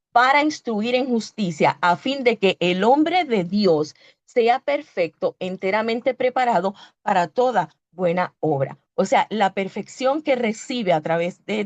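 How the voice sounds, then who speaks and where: A woman's voice: mid-range voice, no room sound, muffled recording. A woman with a Puerto Rican Spanish accent preaching a sermon in a church, teaching earnestly, reading scripture aloud and often correcting herself.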